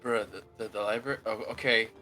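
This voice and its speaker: Male RPG player, low and bright with lively inflection, hesitant slacker phrasing, music behind. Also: quick pace. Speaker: tabletop game player. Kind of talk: casual in-character role-play. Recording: music under the voice.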